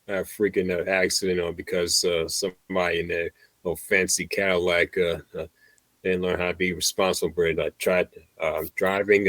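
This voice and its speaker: A man co-hosting a podcast, telling things haltingly with constant hesitations. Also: deep voice, no room sound. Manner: halting, many "uh" fillers. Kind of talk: casual chat.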